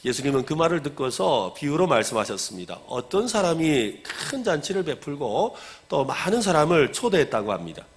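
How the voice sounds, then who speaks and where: Animated Korean pastor with a lively voice. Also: male voice, a little high, fairly quick, few pauses. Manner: animated preaching, acts out quoted lines loudly, asks the congregation questions. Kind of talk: sermon.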